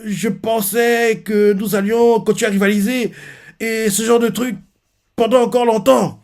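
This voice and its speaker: A man voicing a proud, brash teenage boy hero who speaks in halting, broken-off phrases. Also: high voice, level tone, darkish tone, voice pushed up. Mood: choked up.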